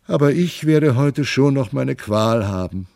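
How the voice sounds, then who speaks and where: Fretful birthing wife in a spoken storybook, high and wailing, man doing the voice, slow reading. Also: animated, gravelly, darkish tone, no room sound, studio quality. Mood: plaintive complaining. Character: fretful woman in labour, whiny and pleading.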